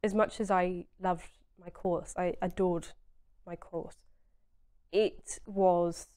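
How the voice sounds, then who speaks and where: A woman's voice: fairly low pitch, fairly even intonation, slow pace, warm tone. A woman, speaking earnestly and emphatically as a guest in a conversational interview, often saying "you know". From Essex, England. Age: 20s.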